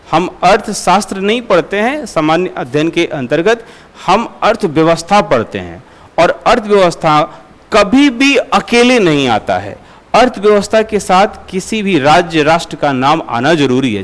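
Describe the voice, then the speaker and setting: Male lecturer, slightly high voice, quizzes students, grounds ideas in homely examples. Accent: Hindi. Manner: asks students questions and answers them; uses homely everyday examples. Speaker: teacher. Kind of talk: classroom lecture.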